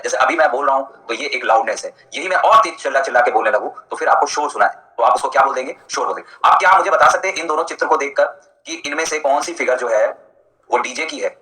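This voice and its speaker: Fast, bright-voiced male teacher. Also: medium pitch, reverberant, low-quality recording. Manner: chatty, jokey, answers students by name. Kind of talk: live online class lecture.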